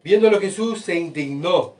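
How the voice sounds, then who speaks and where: A man preaching a sermon, asking rhetorical questions and swinging between soft asides and loud emphatic bursts. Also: high-pitched, normal speed. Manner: rhetorical questions, keeps asking the congregation "¿verdad?". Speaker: pastor. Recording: voice picked up from far off.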